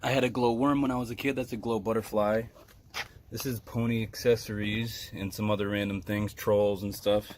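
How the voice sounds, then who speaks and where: Male vlogger, lowish voice, chatty and animated, light outdoor noise. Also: normal speed. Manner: animated, excitable, with laughs and fillers. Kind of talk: casual vlog storytelling. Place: outdoors, partly in a car.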